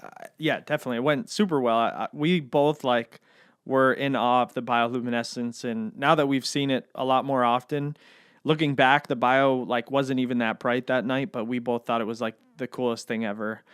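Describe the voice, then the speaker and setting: Man, podcast host, casual chat, smooth clear voice, dry close sound. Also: medium pitch, normal speed, no room sound. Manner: relaxed, chatty, many ums.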